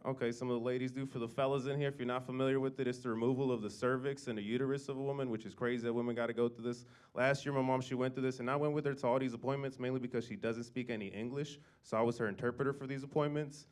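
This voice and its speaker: A man's voice: medium pitch, fairly even intonation, racing, hardly any pauses, a little mellow, clean tone. A young man doing a stand-up set in a comedy club, dry crowd work that breaks into mock outrage. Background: audience laughter.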